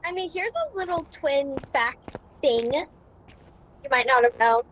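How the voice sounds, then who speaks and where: Woman on voice chat high-voiced fellow gamer, audio breaking up, casual fact-reading. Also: animated, slow, fairly bright tone, slight background noise, poor audio. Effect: voice chat audio cutting out.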